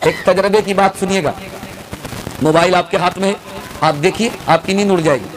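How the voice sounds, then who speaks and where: A man whose voice sits high delivers a fervent, repetitive sermon at a mosque gathering, with noise in the background. He urges the crowd to raise hands, repeating lines and singing verses slowly.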